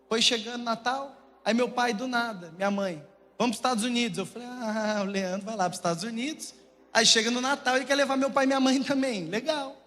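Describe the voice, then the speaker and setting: Fast-talking Brazilian preacher man. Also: very high-pitched. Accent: Brazilian Portuguese. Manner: jokey, animated storytelling to a congregation. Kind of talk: humorous sermon storytelling. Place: church auditorium. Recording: long church hall reverb, faint noise.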